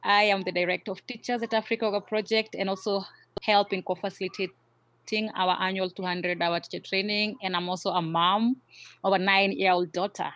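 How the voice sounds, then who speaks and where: A woman in her thirties with a Kenyan accent chats as a podcast guest. She talks in a relaxed way, pausing often to find her words. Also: mid-range voice, low-quality recording. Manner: relaxed, many "uh" pauses. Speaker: podcast guest, yoga teacher trainer. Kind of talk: casual interview chat.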